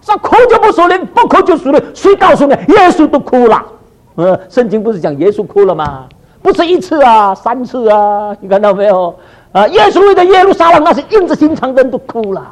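A male preacher with a strikingly high voice that swings widely in pitch as he delivers a sermon. He keeps firing rhetorical questions at his congregation and drops in short English phrases. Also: fairly quick. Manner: animated, full of rhetorical questions to the listeners.

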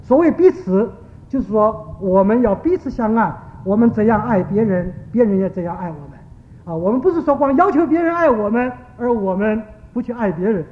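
A man's voice: high-pitched, fairly quick. A man preaching a sermon, telling stories and acting out the people in them. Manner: storytelling, animated quoting of characters. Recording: dull lo-fi recording.

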